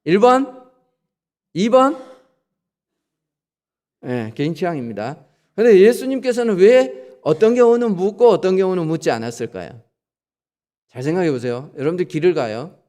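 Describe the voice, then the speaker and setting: A man's voice: high-pitched, expressive, moderate pace, long pauses, darkish tone, in a large hall. A male pastor giving a sermon in a church, talking conversationally, asking the congregation questions and acting out quoted lines. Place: church sanctuary.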